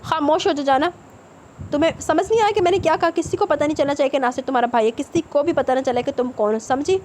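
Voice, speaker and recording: Woman doing a mad dad yelling at his daughter, kinda high voice, faint hum behind. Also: close to an everyday voice. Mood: angry. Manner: scolding, shouting. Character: furious harsh father, middle-aged man.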